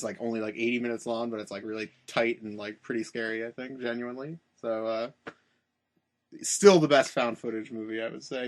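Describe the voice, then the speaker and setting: A young man with a mid-pitched, ordinary voice talks casually as a podcast co-host. He is chatty, throws in quick asides and fills pauses with filler words. He is recording at a friend's house. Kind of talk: casual chat.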